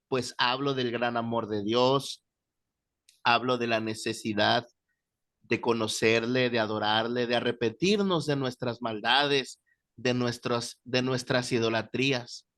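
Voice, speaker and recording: A man teaching a Bible class, telling stories with lively, animated delivery. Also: mid-range voice, a little slow. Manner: animated storyteller, shouting out quoted voices. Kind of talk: classroom lecture with storytelling.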